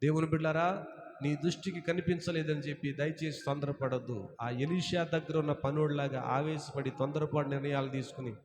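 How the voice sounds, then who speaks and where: A man's voice: a little high, steady tone, brisk, a crowd in the background. A male pastor preaching a sermon, emphatic and repeating his phrases, often acting out the voices of people in his stories. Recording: echoey hall with faint ambience.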